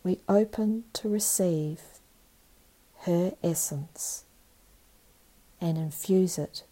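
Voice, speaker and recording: Female meditation narrator: calm and meditative, slightly low pitch, very slow delivery, soft and breathy. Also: rough recording. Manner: calm, meditative tone with long pauses. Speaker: meditation guide.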